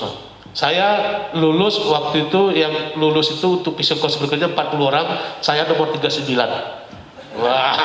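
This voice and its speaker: A man from West Sumatra telling a lively personal story as a talk show guest, laughing often and often addressing the host as "Pak". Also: a little high. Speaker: guest speaker. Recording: echoey hall reverb.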